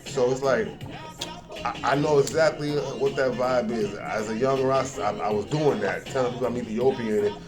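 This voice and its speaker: A man's voice: medium pitch, steady tone, normal speed, music in the background. A man giving a casual, rambling monologue, often repeating words and building to emphatic points.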